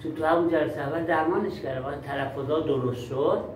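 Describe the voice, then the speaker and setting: A man's voice: on the high side, background noise. Emphatic male teacher trainer in echoey room. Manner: emphatic, repeats key words. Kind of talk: workshop lecture to teachers. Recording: echoey room, far from mic.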